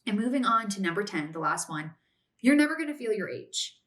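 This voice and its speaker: Chatty and a little fast, this woman in her late twenties hosts a podcast and hands out casual advice, leaning on "like" and "if that makes sense." Her mid-range voice swings widely in pitch.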